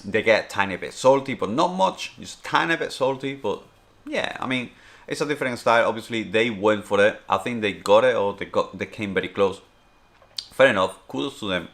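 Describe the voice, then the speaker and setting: A man's voice: lowish voice, lively intonation, fairly quick, a bit bright. A man in his thirties from Spain, speaking English with a Spanish accent, answers viewer questions in a casual, rambling way that leans on "obviously" and "you know". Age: 30s. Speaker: streamer. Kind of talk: casual Q&A chat.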